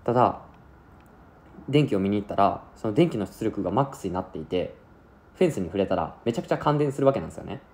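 A man's voice: on the low side, expressive, quick pace, a little mellow. A man recapping an anime plot in a chatty, casual way, acting out lines as he goes. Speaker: anime reviewer.

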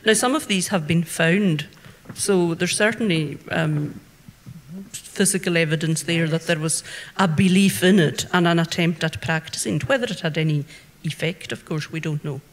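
A man speaking on a panel at a public event, measured and thoughtful, pausing on fillers as he thinks. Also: on the high side. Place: public hall. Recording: hall reverb from a live talk.

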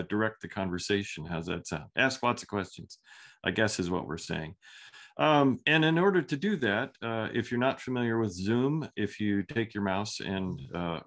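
Brief: male webinar host on a video call, low voice, easygoing and halting. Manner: halting, lots of ums and uhs. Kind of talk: casual hosting.

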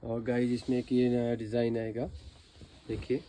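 An Indian man selling to viewers in an eager, urging, informal teleshopping pitch. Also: completely flat delivery, moderate pace, mellow, a little hiss or hum. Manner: eager, urging sales patter, repeatedly addressing viewers. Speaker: fabric seller and channel host.

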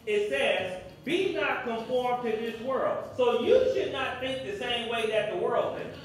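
A man's voice: extremely high pitch, unhurried, a little hiss or hum. A man in his fifties preaching a sermon as pastor, emphatic and repetitive, heard from a distance in an echoey room. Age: 50s.

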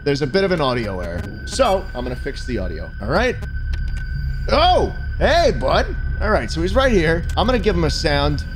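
Animated streamer man over game music. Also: a little high, fairly quick, hardly any pauses. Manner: excitable, swearing, laughing outbursts. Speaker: gaming streamer. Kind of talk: let's-play commentary.

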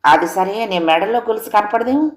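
A woman voicing a married son who speaks in a measured, mildly reproachful way. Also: medium pitch, animated, echoey room, voice pushed up, close to an everyday voice.

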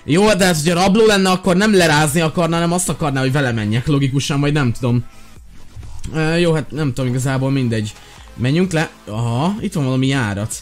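A man hosting a gaming video, giving excited, chatty commentary straight to his viewers. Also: a little high, faint music behind.

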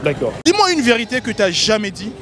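A man's voice: high voice, huge pitch swings, brisk. A man in his thirties doing a street interview with a handheld mic, asking playful, teasing questions. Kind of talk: street vox pop interview. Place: busy city street outdoors. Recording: street crowd and music behind.

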